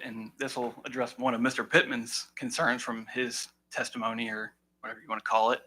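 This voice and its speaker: Young guy coach at the podium, bright tense voice, fired up but holding it together. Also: mid-range voice, low-quality recording. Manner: earnest, frustrated, holding back emotion. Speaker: volunteer baseball coach speaking at public comment. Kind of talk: public comment at a county meeting.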